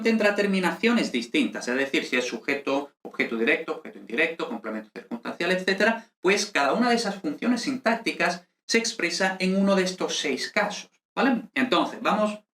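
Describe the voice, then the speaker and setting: A Latin teacher talks his students through the basics in a quick, chatty way. His voice sits a little high for a man. The sound is roomy and echoey. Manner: lively and conversational, with many fillers and tag questions. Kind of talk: online lesson explaining over slides.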